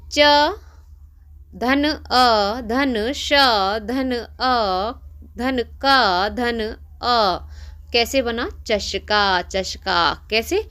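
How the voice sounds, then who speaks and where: Bright-voiced woman teaching Sanskrit slowly. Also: fairly high pitch. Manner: coaxing, asks pupils to repeat after her. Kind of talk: classroom lesson for schoolchildren.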